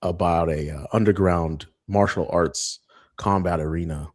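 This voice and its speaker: A man's voice: sits low, fairly even intonation, unhurried. A man co-hosting a podcast in loose, casual chat, joking and swearing freely. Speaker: podcast co-host.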